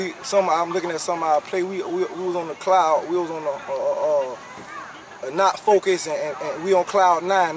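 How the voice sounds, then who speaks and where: A man's voice: fairly high pitch, background noise. A young man, a youth football coach giving a postgame interview outdoors at night, repeating words and adding "man" often. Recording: distant mic with crowd behind.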